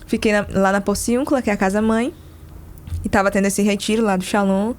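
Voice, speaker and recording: Woman guest, lively storyteller who quotes people as she goes. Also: medium pitch, fairly quick. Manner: animated, acts out dialogue in her stories. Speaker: podcast guest. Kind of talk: personal storytelling in casual conversation.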